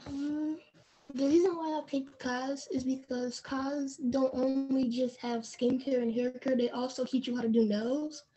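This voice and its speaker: A woman's voice: high voice, fairly even intonation, unhurried, mellow. A teenage girl answering on a student panel, plain-spoken and casual. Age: teens. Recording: dull lo-fi stream audio.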